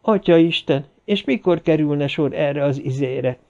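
Dude doing a freaked out groaning guy, mellow dark tone. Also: fairly high pitch, close to an everyday voice. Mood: horrified. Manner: groaning, horrified. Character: panicky frightened man, easily shaken. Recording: dull lo-fi recording.

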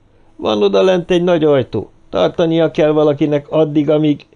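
A male reader gives voice to a ruthless bandit in an audiobook, a hard man who threatens without blinking. The voice is gravelly and dark, and the words come slow and deliberate. The recording sounds slightly dull. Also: a little high, pitched above the performer's own voice. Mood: scheming.

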